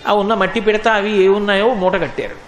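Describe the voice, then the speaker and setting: A man with a high-pitched voice delivers a spiritual sermon, telling lively stories and acting out their voices. He slips into chanted scripture verses between the stories. A faint hum of room ambience sits behind him. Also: a little fast, roomy sound. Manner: animated storytelling, acting out quotes, chanting verses. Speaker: spiritual discourse speaker.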